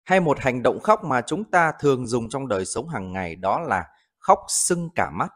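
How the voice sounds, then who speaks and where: A man teaching English vocabulary, repeating each example sentence slowly for learners. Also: mid-range voice, very animated, a bit bright. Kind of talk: vocabulary lesson narration.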